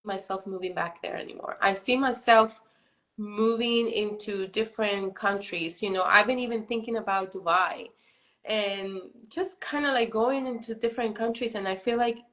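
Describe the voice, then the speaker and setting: A woman's voice: mid-range voice, moderate pace, fairly bright tone. A woman in her forties from Mexico, hosting a live video chat in a casual, rambling way, filling her talk with "you know" and "like". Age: 40s. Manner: chatty, many fillers like "you know" and "like". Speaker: live stream host.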